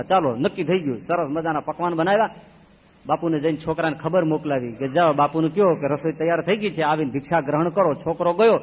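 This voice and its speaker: A male swami giving a devotional sermon full of stories, swinging from loud exclaiming to low murmurs. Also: breathy edge. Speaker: swami preacher. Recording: long hall reverb.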